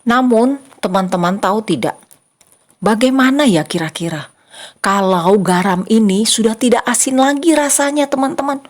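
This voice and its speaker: A young woman giving a lively children's church sermon, addressing the kids directly and acting out small voices and exclamations. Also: on the high side, normal speed. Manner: animated, acts out little voices and exclamations for kids.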